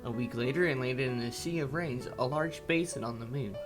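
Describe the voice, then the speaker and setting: A man presenting a scripted history segment on a school show in a steady reading voice. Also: mid-range voice, fairly quick, music in the background.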